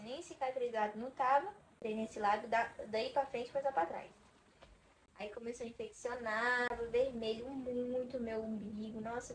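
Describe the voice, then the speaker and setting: A young Brazilian woman vlogs to camera in a chatty, dramatic way, swearing to her viewers that every word is true. Her voice sits fairly high. A faint background hiss runs under the recording. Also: low-quality recording. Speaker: vlogger. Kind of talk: casual chat to camera.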